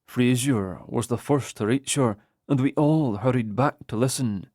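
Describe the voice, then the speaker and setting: A man narrating an audiobook in the first person with slow, measured storytelling. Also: mid-range voice, darkish tone, no room sound, clean studio sound.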